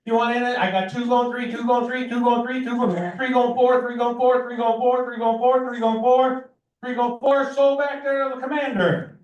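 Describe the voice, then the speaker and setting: A man's voice: very high-pitched, level tone, moderate pace, dull audio. An American man working as an auctioneer, calling bids in a rhythmic, repetitive chant of numbers. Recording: echoey room, distant microphone.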